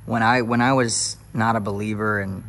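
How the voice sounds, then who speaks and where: A gravelly, fairly bright lowish voice with fairly even intonation guides viewers through an empty new house at a moderate pace. The casual tour vlog then turns upbeat and hyped as the man starts preaching on the covered back patio.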